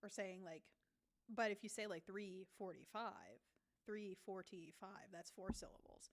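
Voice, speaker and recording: A woman's voice: mid-range voice, expressive, measured pace. A woman artist chatting casually while she draws on a stream, giggling often and rambling to herself. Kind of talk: casual chat while drawing.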